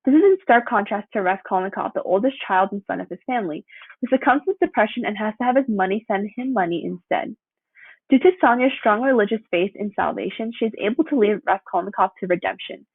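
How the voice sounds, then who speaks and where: A woman's voice: medium pitch, fast, husky, dry recording. Young woman reading a presentation over a tinny line. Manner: steady read-through with occasional slips and self-corrections. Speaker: student presenter. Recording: dry, tinny phone-like sound.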